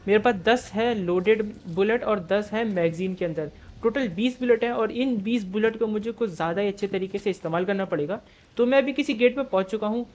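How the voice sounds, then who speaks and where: A young man giving live gameplay commentary for his gaming channel. He jokes and swears constantly and yells in panic during fights. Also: high-pitched, fairly quick, highs cut off. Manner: excitable, swears constantly, jokey banter.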